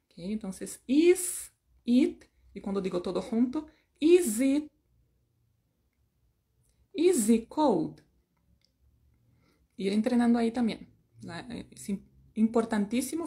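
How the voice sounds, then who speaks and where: Slow, mellow-voiced Spanish teacher woman. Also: medium pitch. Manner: playful, sings snatches of songs and jokes about herself. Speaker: English teacher. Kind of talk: online English lesson in Spanish.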